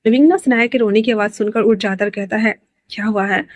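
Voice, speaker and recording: A woman's voice: fairly high pitch, quick pace, dry recording. A woman narrating her own fan-fiction story in a chatty, casual way, with fillers and asides.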